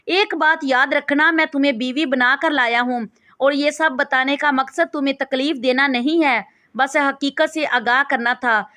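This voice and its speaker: A woman voicing a stern, commanding rich young husband in a storybook, with a firm, forceful reading. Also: high voice, steady tone.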